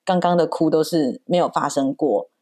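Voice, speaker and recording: A woman's voice: low voice, normal speed, warm tone. A woman from Taiwan, a mother and podcast guest, telling a family story in casual chat and acting out the voices of her child and herself.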